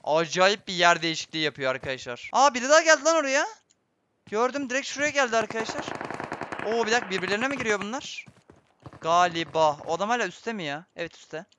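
The recording sounds dull and carries background noise, and the young man's high-pitched voice moves fast. As a gaming streamer commenting on his own play, he swings from quiet muttering about plans to frustrated outbursts, always speaking to his viewers.

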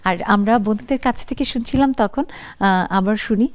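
Woman TV talk host, fairly high voice, welcoming tone toward callers and viewers. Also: brisk. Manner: warm, inviting, addresses viewers and callers. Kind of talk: live TV talk show hosting. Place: TV studio.

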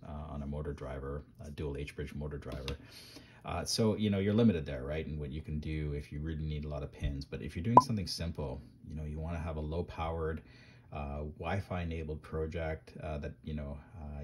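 Deep-voiced male maker, loose workbench walkthrough, lots of fillers, light background noise. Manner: rambling, many ums and restarts. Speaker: maker reviewing microcontrollers. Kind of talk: casual hands-on tech demo.

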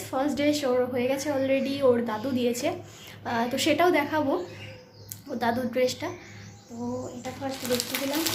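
A young woman vlogging in a casual chat, talking softly and quietly so her sleeping baby is not woken. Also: sits high, slight background noise. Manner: hushed, soft-spoken so the baby can sleep.

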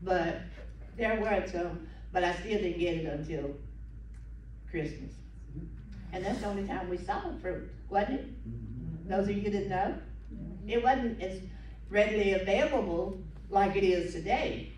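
An elderly woman with a Southern American accent, short of breath, reminiscing in a folksy, unhurried way as she tells stories to an audience. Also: mid-range voice, lively intonation, a little mellow, distant mic. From southern United States. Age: 70s or older. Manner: folksy, unhurried, with pauses and acted-out quotes. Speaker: guest speaker at a local history talk. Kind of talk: informal reminiscing storytelling to an audience. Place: meeting room with seated audience, phone camera from the audience. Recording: echoey, noisy room recorded from afar.

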